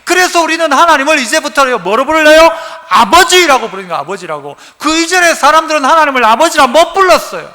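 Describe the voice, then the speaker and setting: A male pastor giving a sermon, animated, asking the congregation questions as he preaches. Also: very high-pitched, fast talker, few pauses. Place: church sanctuary. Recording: reverberant church hall.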